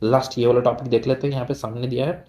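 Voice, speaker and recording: A male teacher giving a line-by-line textbook lesson. He reads each line slowly, then explains it casually, asking questions and answering them himself. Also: mid-range voice, level tone, mellow. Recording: echoey room.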